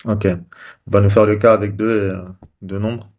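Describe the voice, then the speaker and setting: A man's voice: fairly low pitch, flat delivery, a little slow, a little mellow. A man casually talking through code on screen, thinking aloud with many fillers and restarts. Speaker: developer live-coding host. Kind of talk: casual screen-share commentary.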